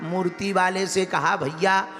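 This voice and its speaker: High-voiced, bright preacher rousing a crowd. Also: male voice, measured pace. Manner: rousing, calls out to the crowd, breaks into sung verse. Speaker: preacher telling a religious story. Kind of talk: devotional sermon with storytelling. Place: large event venue. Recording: live hall reverb, faint music.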